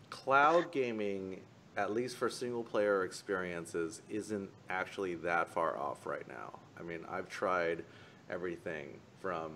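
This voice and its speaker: A man's voice: sits low, sharp tone, slight background noise. A man co-hosting an esports talk show in casual panel chat, making jokes and trailing off mid-list.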